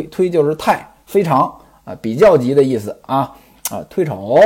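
A man talking through an old novel in a chatty, storyteller's way, his pitch a bit high and swinging widely. He tosses questions to himself and answers them, and his voice has a husky grain. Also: warm tone. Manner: conversational, asks and answers his own questions; digresses into personal anecdotes. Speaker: explainer of a classic novel.

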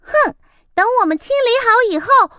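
A bossy, grumpy storybook cat who snaps and meows in a high, lively voice, as a woman acts it out. Sharp-tongued and quick to scold. The recording is close and dry. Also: no echo, heavily acted. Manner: snappy, meowing.

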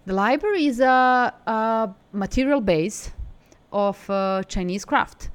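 Speaking slowly with a clean, fairly high voice and lively intonation, a Serbian-accented woman answers conversationally as an interview guest. She is from Belgrade, Serbia, and is a co-founder of a design studio.

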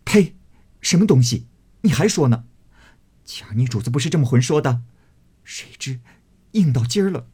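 A man's voice: lowish voice, animated, measured pace, long pauses, warm tone, breathy edge, heavily acted. A man reading the part of a proud, fiery young maidservant who answers sharply and with indignation. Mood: furious.

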